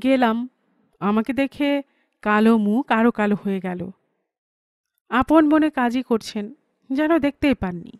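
A woman reading a first-person story aloud, in a measured, conversational storytelling manner. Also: on the high side, a little mellow, no room sound, studio quality. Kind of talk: scripted literary narration.

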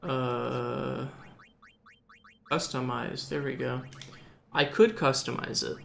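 A man's voice: mid-range voice, steady tone, takes it slowly, gravelly, fairly bright tone, slight background noise. A man giving casual, self-mocking commentary while playing a game, thinking aloud as he goes. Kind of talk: casual let's-play commentary.

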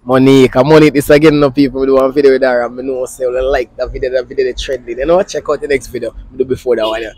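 A man's voice: mid-range voice, fairly even intonation, rapid-fire, few pauses. A young man, interviewing people on a street at night with a handheld mic, playful and teasing. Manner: playful, teasing, loud bursts.

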